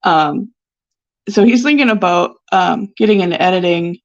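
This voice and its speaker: A woman's voice: on the low side, normal speed. A sniffly woman painter chatting casually on a live stream, rambling and giggly with lots of filler words. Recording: dull lo-fi stream audio.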